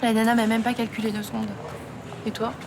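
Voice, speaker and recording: An actress playing a discouraged young job-seeker. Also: female voice, on the high side, flat delivery, brisk, background noise, close to an everyday voice. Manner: glum, discouraged. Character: young woman, jobless and downhearted. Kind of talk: TV soap drama.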